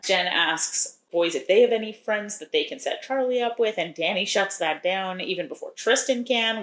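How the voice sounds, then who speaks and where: A woman's voice: medium pitch, roomy sound. A woman co-hosting a podcast, recapping a romance novel in a chatty, wry way and laughing often. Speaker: podcast co-host recapping a book. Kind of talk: casual chat.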